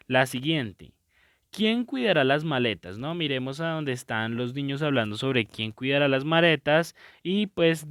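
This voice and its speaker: A man talks students through a recorded lesson at a calm, patient pace, often checking that they are following along. His voice is smooth and resonant, at a medium pitch. It sits dry and close, with no room around it. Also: no room sound. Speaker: teacher.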